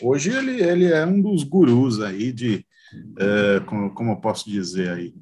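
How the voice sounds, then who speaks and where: A man's voice: medium pitch, animated, unhurried, a little mellow. A Brazilian man hosting a podcast, explaining a story informally, often searching for words and adding tag questions. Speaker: podcast host.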